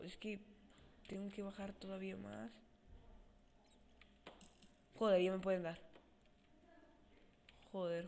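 Male gamer, home let's play, excitable, swears a lot, self-talk, quiet cheap mic. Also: high-pitched, gravelly, slight background noise. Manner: excitable, swears often, talks to himself while playing. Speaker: gaming channel host. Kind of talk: let's play gameplay commentary. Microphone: cheap desk mic without a stand, voice comes out quiet.

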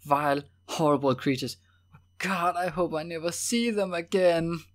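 Man voicing a young woman, tearful, stammering, raised pitch, storybook reading. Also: natural voice. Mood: bitter. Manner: halting, stammering through sobs.

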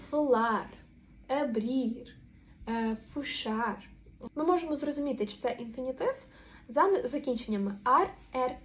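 A woman teaching a language lesson, explaining patiently and drawing out example words slowly. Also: a little high, a little mellow, slight background noise.

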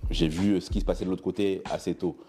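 A man in his thirties with Benin roots, giving a relaxed guest interview in a studio, hesitant with many fillers and restarts. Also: low voice, fast, slight background noise. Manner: gestures broadly while seated. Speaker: brand founder, guest. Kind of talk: casual interview talk. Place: studio room with clothing racks, indoors.

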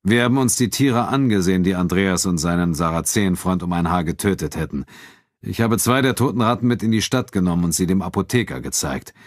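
A composed, cold male official from a spoken storybook, as a man reads him. His voice sits higher than the reader's very deep narration, yet stays controlled and level in tone. The sound is dry and close, with no room around it. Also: no echo. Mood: calm firm. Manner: calm, measured, quietly firm.

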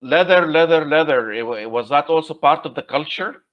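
A male host asking questions on a video call, with a voice pitched a little above average. His questions come out halting, and he repeats words as he goes. The sound is dull and lo-fi. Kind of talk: interview questions.

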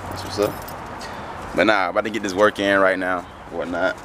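A young man from South Carolina, telling stories in a casual, animated, slangy way as a vlogger in his car. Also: moderate pace, noisy background. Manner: animated storytelling, slangy, rising pitch when indignant. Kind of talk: casual vlog chat.

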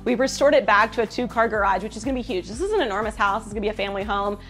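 A woman's voice: mid-range voice, a bit bright, soft background music. A woman in her thirties co-hosting a house-flip walkthrough, upbeat and chatty, on a lapel mic indoors. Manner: upbeat, quick-talking. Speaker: house flipper host. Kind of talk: casual walkthrough chat. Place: house under renovation, indoors.

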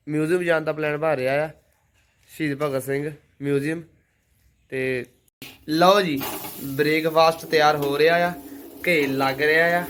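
A man's voice: a little high, fairly bright tone. A man with a Punjabi accent giving casual, exclamatory running commentary for his vlog. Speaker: vlogger.

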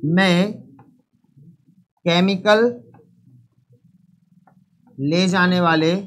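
A man's voice: sits high, steady tone, very slow. A man teaching a live online chemistry lesson, repeating each point and quizzing students.

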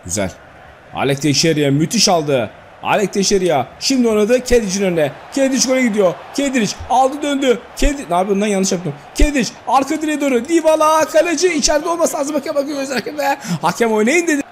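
Man, high voice, excitable game commentary, shouts and swears, faint hum behind. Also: a little fast. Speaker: gaming YouTuber.

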